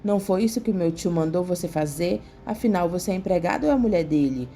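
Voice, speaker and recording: Scheming young con woman, read by a woman in a low, dark voice, haughty and pleading. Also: expressive, fast, soft background music. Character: scheming young woman posing as long-lost niece.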